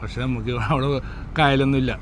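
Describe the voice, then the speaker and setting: A man's voice: mid-range voice, steady tone, fast, slight background noise. A man with a Kerala accent giving a casual vlog tour, mixing English words into Malayalam and often prompting his companion with short questions. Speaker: travel vlogger.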